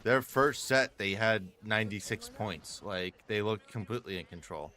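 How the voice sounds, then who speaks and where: A man with a fairly low voice gives laid-back esports analysis in casual chat. He talks through team expectations with relaxed fillers. He sounds like a co-caster at a stream. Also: normal speed.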